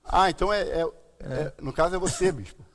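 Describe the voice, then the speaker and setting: A man's voice: a little high, fairly quick, creaky, fairly bright tone. A Brazilian man with a lisp and slushy s sounds, teaching the Bible informally as a pastor hosting a live stream. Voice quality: lisp from a tied tongue, slushy s. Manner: explanatory, repeatedly checking with "né". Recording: long hall-like reverb.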